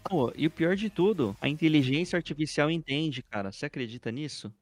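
A man's voice: a little high, animated, a little fast, a little hiss or hum. A man from Brazil co-hosting a podcast, chatting casually, explaining facts and putting questions to the others. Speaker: podcast co-host. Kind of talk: casual chat.

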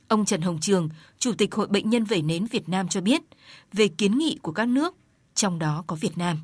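Husky woman doing news voiceover, dry close sound, steady formal read. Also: mid-range voice, no room sound. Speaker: news reporter. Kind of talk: scripted news narration.

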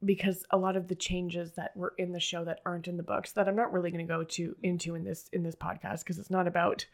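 Woman podcast host with a lowish voice. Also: level tone, fast, creaky. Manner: enthusiastic, blunt, swears casually. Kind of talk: casual podcast recap chat.

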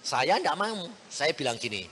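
A man, preaching a storytelling sermon, animated and acting out the people in his story while speaking to his listeners directly. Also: fairly high pitch, measured pace, slightly rough. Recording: reverberant hall with faint ambient noise.

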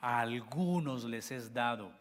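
Preaching at a measured pace in a medium-pitched voice, a pastor addresses his congregation emphatically, posing rhetorical questions as his voice rises and falls. A long hall reverb colors the recording.

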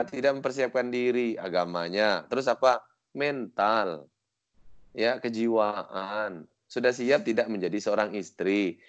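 A man's voice: medium pitch, muffled recording. A man from Sumatra giving a casual religious lecture. He jokes and acts out the voices he quotes. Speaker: Islamic preacher.

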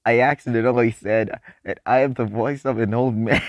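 This is a seventeen-year-old young man with a newly deepened voice, talking at normal speed in a faith vlog. He's happy and excited, rambling along with frequent restarts and laughs, captured in a dry, studio-quality recording.

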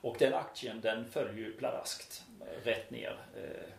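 A man in casual conversation who tells relaxed anecdotes and uses frequent hesitation fillers. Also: mid-range voice, vocal fry. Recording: roomy echo.

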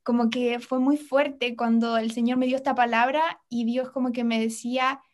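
A woman's voice: on the high side, steady tone, normal speed. A young woman telling a heartfelt personal testimony as a podcast guest, retelling conversations in quoted voices.

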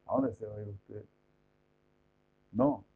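A man's voice: on the low side, fairly even intonation, slow pace. A man giving an informal devotional lecture, chatty, full of rhetorical questions and mock imitations. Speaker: devotional preacher. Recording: tinny phone-like sound.

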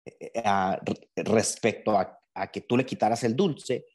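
A man's voice: lowish voice, measured pace, darkish tone. A man talking through feelings in a casual conversation, thoughtful and explanatory. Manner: reflective, explanatory, voices imagined speech.

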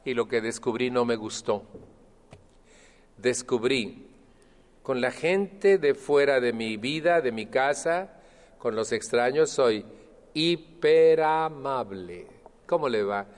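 Animated man in a reverberant hall. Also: mid-range voice, slow, long pauses. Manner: animated, acts out voices of others. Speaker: Al-Anon speaker. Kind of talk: speaking to a group.

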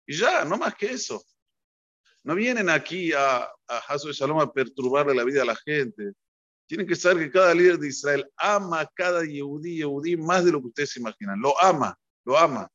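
A man's voice: a little high, expressive, moderate pace, fairly bright tone. A man giving a religious talk as a rabbi, earnest and instructive, telling stories and repeating phrases for emphasis. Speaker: rabbi teaching a class. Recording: dull lo-fi recording.

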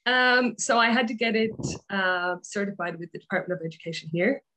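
An Irish woman in her thirties chats as a podcast guest, open and self-mocking, with laughter breaking into her talk. Her pitch sits in a middling range for a woman. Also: brisk, bright, forceful tone, poor audio. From Ireland. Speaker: guest life coach. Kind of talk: casual podcast chat.

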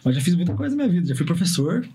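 Casual male interviewee, Brazilian Portuguese accent, rapid delivery, gravelly fry, slight background noise. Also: high-pitched, sing-song, warm tone. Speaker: interview guest, designer and videographer. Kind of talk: casual conversational storytelling.

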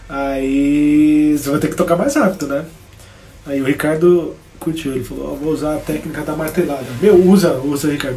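A Brazilian man talks casually through a live guitar lesson and greets viewers by name between chords. His voice is mellow and sits a bit high. The room is echoey, with guitar playing under his talk. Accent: Brazilian Portuguese. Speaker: guitar teacher.

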